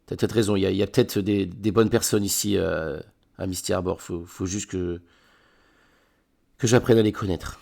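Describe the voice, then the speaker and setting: A man voicing a shy, troubled teenage boy who speaks hesitantly and haltingly. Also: low-pitched, steady tone, vocal fry, a little mellow.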